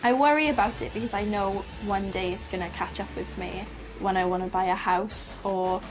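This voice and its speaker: A woman's voice: mid-range voice, fairly even intonation, moderate pace. Young woman, casual interview chat, music behind, mid-range voice. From Wales. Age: young adult. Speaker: pageant contestant.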